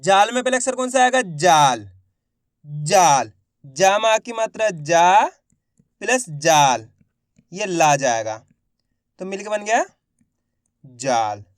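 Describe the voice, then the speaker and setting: Guy teaching hindi spelling, sounds out every word slow and answers his own questions, highish clear voice, dry close mic. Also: big pitch swings, no room sound. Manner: sounds out words slowly, repeats questions and answers himself. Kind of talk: patient spelling lesson for beginners.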